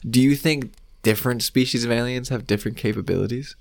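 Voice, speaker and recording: A man's voice: medium pitch, fast, creaky. A man co-hosting a casual podcast chat in a jokey, easygoing conversational way. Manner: jokey, laughs often. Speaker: podcast co-host.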